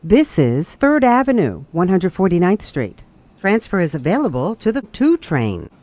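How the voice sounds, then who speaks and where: A recorded subway announcer heard over a train loudspeaker, speaking in measured, evenly spaced phrases. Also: medium pitch, wildly swooping pitch, no echo, highs cut off. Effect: played over a train loudspeaker.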